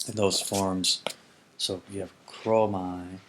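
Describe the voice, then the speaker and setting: Male Greek tutor, deep monotone, slow, hesitant with ums, repeats forms aloud. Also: background noise. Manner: slow, careful, repeats words to model pronunciation; hesitant with frequent ums and restarts. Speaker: ancient Greek teacher. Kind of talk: explanatory grammar lesson.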